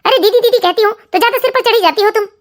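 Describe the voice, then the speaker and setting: A woman voicing a defiant, sharp-tongued housemaid in an animated family story. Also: very high-pitched, rapid-fire.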